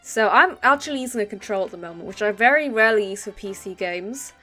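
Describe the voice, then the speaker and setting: Woman gaming host, casual walkthrough talk, mid-pitched, chatty with fillers. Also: animated, fast talker, bright, forceful tone, soft background music. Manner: casual, explains controls with fillers. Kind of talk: let's play commentary.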